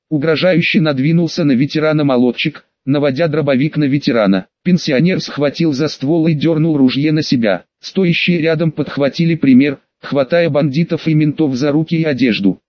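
Man, audiobook narrator, measured reading in short phrases, somewhat high voice, dry close recording. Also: dry recording. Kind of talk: scripted narration. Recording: dry, slightly dull audio.

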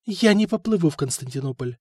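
Man putting on a proud, sharp-tongued queen. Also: fairly high pitch, lively intonation, fast, dry recording, clean studio sound. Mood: demanding. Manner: sharp, decisive, demanding. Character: proud, suspicious queen, adult woman.

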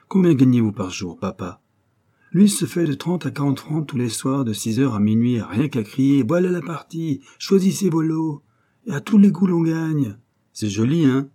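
A man's voice: medium pitch, dark tone, voice pushed up, natural voice. A man voicing a cocky young male street rascal in an audiobook, grumbling and indignant in slangy speech.

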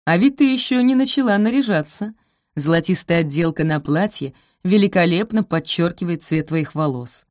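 A woman's voice: lowish voice, animated, normal speed, darkish tone, dry recording, clean studio sound, natural voice. A woman reading aloud and voicing a harsh, domineering stepmother who gives orders. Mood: fawning. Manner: commanding, severe.

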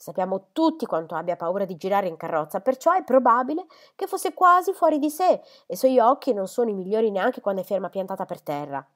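A woman's voice: medium pitch, sing-song, a little fast, few pauses, close to an everyday voice. A woman voicing a stern, disapproving older spinster who speaks in an admonishing, authoritative way.

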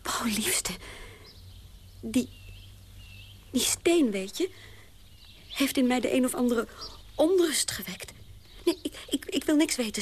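A woman playing a restless young woman in a radio play, speaking haltingly and often in a breathy whisper. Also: on the high side, slight background noise.

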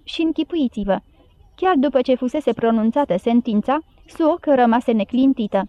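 A woman's voice: high voice, warm tone, muffled recording. A woman narrating a children's novel as an audiobook, giving the characters light voices of their own. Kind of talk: storybook narration.

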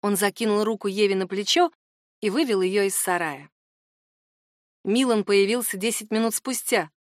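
A woman narrating an audiobook in a measured, even storytelling voice. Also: mid-range voice, no echo, studio quality. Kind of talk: scripted narration.

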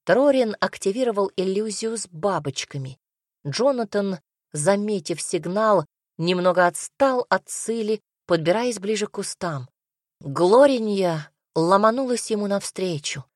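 A woman's voice: mid-range voice, a little slow, no echo, studio quality. Wry woman narrating an audiobook. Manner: wry, lively storytelling. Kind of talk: first-person fantasy audiobook narration.

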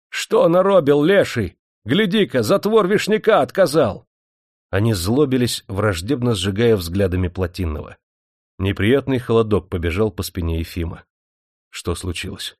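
A man narrating a novel in steady, measured storytelling. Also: lowish voice, no room sound. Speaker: audiobook narrator. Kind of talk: scripted narration. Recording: dry studio audiobook recording.

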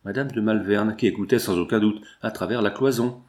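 A man reading a classic novel aloud in a measured, expressive way. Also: fairly low pitch. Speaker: audiobook narrator. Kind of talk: scripted narration.

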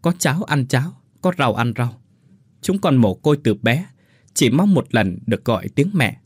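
A man voicing a kind young fisherman who shouts orders urgently and pleads tearfully, with a husky voice. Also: mid-range voice, big pitch swings, normal speed, no room sound, studio quality.

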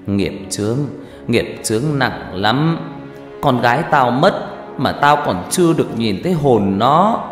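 A man's voice: medium pitch, big pitch swings. Man doing a stern ghostly grandfather voice. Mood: grave. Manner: slow, heavy, scolding. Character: possessed medium speaking as a stern dead grandfather. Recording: reverberant room with faint music.

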